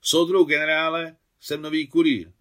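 Flustered young red-haired army courier, nineteen, raised pitch, loud stiff rattling delivery, a man putting him on, audiobook. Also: flat delivery, lightly acted. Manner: rattles off words loudly and stiffly.

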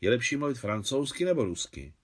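A man reading the lines of a gentle, wealthy woman benefactor in a novel, softly and measuredly. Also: mid-range voice, big pitch swings. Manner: soft, measured.

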